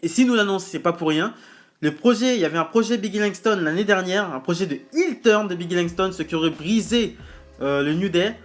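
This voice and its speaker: A man hosting a casual wrestling news show, speaking bluntly with slang and pausing often with fillers and restarts. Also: sits high, faint music behind. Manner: hesitant, many filler pauses and restarts.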